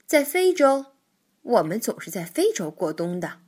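A woman's voice: medium pitch, sing-song, normal speed, a little mellow, slightly rough. A woman playing a polite, scheming stork. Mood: smooth. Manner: polite and coaxing. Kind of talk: storybook reading.

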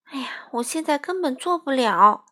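A woman as a warm, busy storybook mother. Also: high-pitched, expressive, moderate pace, voice pushed up. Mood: patient. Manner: gentle, praising, motherly.

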